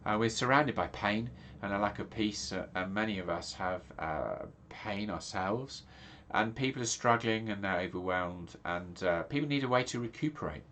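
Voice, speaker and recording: Slight background noise sits behind this fairly low, somewhat bright voice at normal speed. A middle-aged pastor from England chats casually on camera, sounding congested and nasal, rambling with many fillers and restarts.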